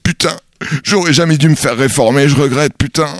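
A man's voice: on the high side, brisk, no echo, studio quality. A man delivering a colloquial, exasperated comedic monologue, dramatic and full of swearing.

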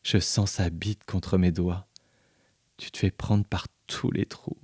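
A man voicing a teasing, commanding young woman friend in a low, hushed, coaxing tone. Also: moderate pace, no echo, clean studio sound, close to an everyday voice.

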